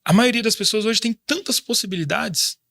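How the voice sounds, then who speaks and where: A man's voice: high voice, moderate pace, pushed and bright, no echo, clean studio sound. A man in his thirties from Brazil, a guest in a casual interview, talking in a reflective, faith-driven way with frequent restarts. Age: 30s. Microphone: studio microphone.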